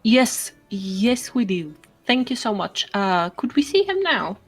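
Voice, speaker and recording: A woman playing her character in a tabletop game, chatty, hesitant and quick to laugh. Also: on the high side, very animated, slightly rough, faint music behind. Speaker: player.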